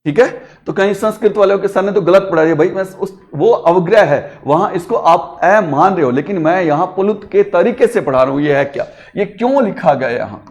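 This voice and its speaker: A man teaches a grammar class in a high, bright voice. He draws syllables out long to show how they sound, calls words out as if across a distance, and asks his students questions along the way. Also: lively intonation, moderate pace. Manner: speaks to students directly, asking questions.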